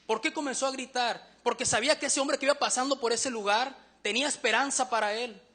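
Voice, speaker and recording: Preacher guy, high bright voice, earnest, asks the church lots of questions. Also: fairly even intonation. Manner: earnest, questioning the congregation, slows down to read verses. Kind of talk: sermon.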